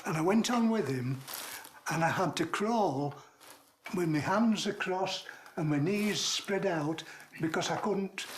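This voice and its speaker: An older man, a retired coal miner telling mining stories in a halting, dialect-rich way. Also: high-pitched, slight background noise. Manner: halting, dialect-rich, acts out shouts in his tales. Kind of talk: casual reminiscing storytelling.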